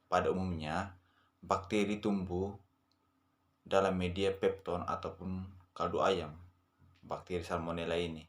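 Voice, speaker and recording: A man's voice: low voice, little pitch movement, measured pace, pauses often. A young man, a veterinary student, reading a class presentation steadily, sometimes correcting himself.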